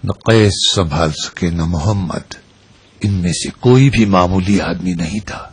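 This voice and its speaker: An actor dubbing a weary, aging army commander in a film drama, speaking slowly and gravely. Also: male voice. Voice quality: deep gravelly raspy voice. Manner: slow, grave, reflective speech. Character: aging male commander, weary, wise and stern.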